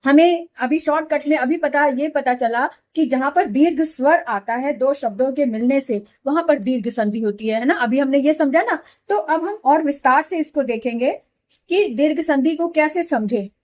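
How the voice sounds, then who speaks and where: A middle-aged woman teaching Hindi grammar in a patient classroom manner, slowly repeating examples and checking that students follow. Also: sits high, expressive, darkish tone. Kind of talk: classroom explanation.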